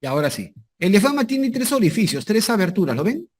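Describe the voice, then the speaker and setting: A man's voice: high-pitched, sing-song, brisk, breathy edge. A male anatomy lecturer talks his class through slides in a slightly raised register. He repeats each key term and keeps asking whether his students follow. Now and then he throws in a jokey aside.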